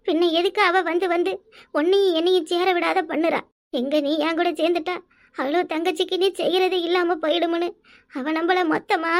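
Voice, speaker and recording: A woman voicing an aging village mother with a southern Tamil village dialect, reproachful and pleading with her son in a cartoon. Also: extremely high pitch. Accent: southern Tamil Nadu village dialect. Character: aging village mother, grief-stricken and scheming. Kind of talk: cartoon voice acting.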